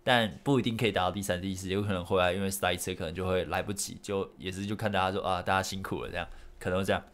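A man's voice: low-pitched, fairly even intonation, very fast, fairly bright tone. A young man with a Taiwanese Mandarin accent, chatting casually on his solo podcast in a rambling, self-correcting way. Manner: rambling, self-correcting storyteller with frequent laughs. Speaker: podcast host.

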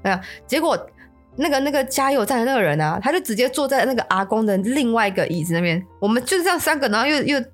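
Woman podcast host, Taiwanese Mandarin accent, casual storytelling, bright higher voice, animated pitch, stammering restarts. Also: fast talker, faint music behind. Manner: stammering restarts, acts out quotes.

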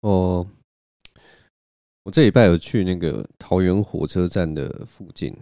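A man hosts a solo podcast, rambling through stories in a self-mocking way. His voice is low, mellow and smooth. The close mic gives a dry sound. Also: unhurried, dry recording. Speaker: podcast host. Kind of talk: casual solo storytelling.

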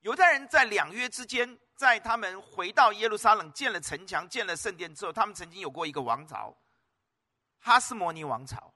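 With an expressive, slightly fast delivery, a male pastor gives a sermon in a high, bright, swooping voice. He hammers his points, repeats himself, and keeps throwing questions at the congregation.

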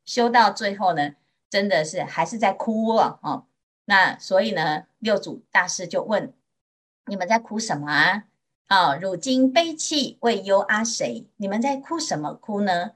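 A Buddhist nun from Taiwan giving a Mandarin sermon in a gentle storytelling manner, with drawn-out particles and a Taiwanese accent. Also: female voice, mid-range voice. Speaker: Buddhist nun teaching sutra.

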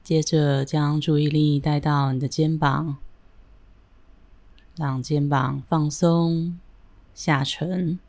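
Woman, deep-toned voice, very slow delivery, soothing, gentle, guided relaxation narration. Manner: calm, gentle, soothing, with deliberate pauses. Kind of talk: guided breathing and body-relaxation meditation narration.

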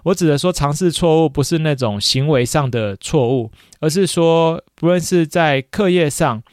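A man's voice: fairly high pitch, moderate pace, dry recording, studio quality. A man, a teacher hosting his own podcast, talking casually and reflectively with frequent "dui" fillers. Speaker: podcast host and schoolteacher. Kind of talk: casual solo podcast monologue.

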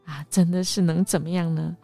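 A woman hosting a devotional podcast. She retells a Bible story with animated delivery and often sinks into soft half-whispers. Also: on the low side, fairly quick, creaky, dry recording, faint music behind.

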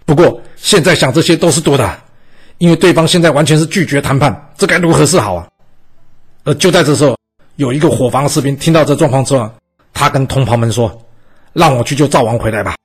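A man telling a history story in a chatty, animated way, hosting his podcast. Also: on the high side, fairly quick, slightly rough.

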